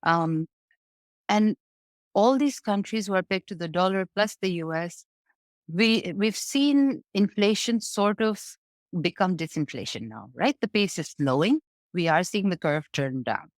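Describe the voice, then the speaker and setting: A woman from Bangladesh speaks as an interview guest and explains the economy in an easy, conversational way. Her voice sits a little low, and she keeps checking in with her listener. The sound is dry and close. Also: animated, a little slow, no echo. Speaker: guest market analyst. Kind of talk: interview answers on markets.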